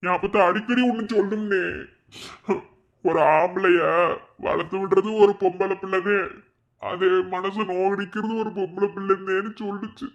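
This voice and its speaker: A self-pitying young village drunk in a cartoon, voiced by a man, speaking in a Madurai Tamil accent. His voice is high, his talk is whiny and slangy, and the recording sounds dull and lo-fi. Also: fairly even intonation, moderate pace.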